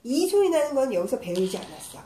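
A woman teaching English phonics to young children. She explains patiently and sounds letters out slowly. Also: sits high, sing-song, dark tone. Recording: echoey room with faint noise.

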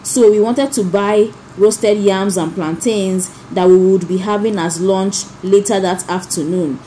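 A woman narrating her vlog as a calm voice-over. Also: mid-range voice, measured pace, slight background noise, low-quality recording. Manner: calm recounting. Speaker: vlogger.

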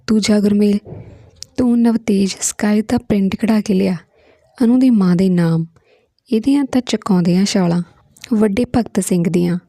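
A woman's voice: medium pitch, normal speed, mellow, no echo, clean studio sound, close to an everyday voice. A woman reading the lines of a spiteful, scheming male schoolteacher who talks in a biting, mocking way. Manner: biting, mocking, talks while chewing his words.

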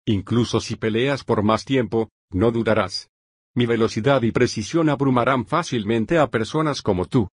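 A man voicing a menacing demon man with tentacles in a synthetic fanfic reading, delivering gloating threats flatly. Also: medium pitch, normal speed, breathy edge, dry recording, studio quality, natural voice. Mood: cold.

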